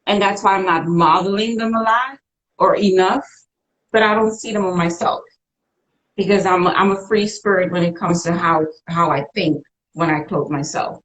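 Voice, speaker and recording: A woman in her forties speaks English with a Dutch accent, her first language being Dutch. Her voice sits a little low, and she talks in a frank, unhurried, reflective way. She is chatting casually as a guest. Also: fairly even intonation, a bit bright, poor audio. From Suriname. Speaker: guest entrepreneur. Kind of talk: casual interview chat.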